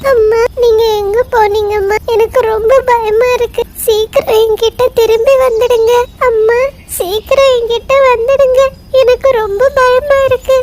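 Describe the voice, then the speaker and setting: A woman's voice: extremely high pitch, level tone, normal speed, darkish tone, slight background noise. A woman voicing a frightened little male lamb in a children's cartoon, pleading in a tearful voice. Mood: scared.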